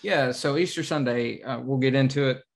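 A man co-hosts a laid-back church Bible study, teasing his partner and rambling through announcements. His mid-pitched voice carries a noticeable gravelly fry. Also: normal speed. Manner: joking, relaxed, uses fillers. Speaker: church adult ministries coordinator, co-host. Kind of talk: casual Bible study discussion.

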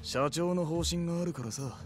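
A man playing a brusque, wary enforcer in a video game drama, talking in rough yakuza-style street speech. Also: on the high side, moderate pace, faint music behind, natural voice. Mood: gruff, dismissive.

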